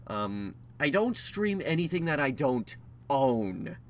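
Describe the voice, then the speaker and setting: Young male vlogger, mid-pitched, rambling and candid, faint hiss behind. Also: very animated, takes it slowly. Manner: rambling, with frequent ums and restarts; candid and self-deprecating. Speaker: channel host giving a news update. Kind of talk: casual vlog update.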